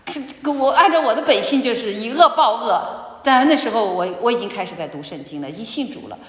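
A woman giving a personal testimony in church, telling her story with animated storytelling and acted-out dialogue. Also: fairly high pitch, fast. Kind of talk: sermon testimony. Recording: echoey hall.

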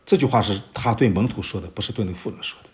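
Speaking at a fairly low pitch, a man leads an expository sermon through the Bible's verses. He raises rhetorical questions along the way and occasionally uses fillers while hunting down references.

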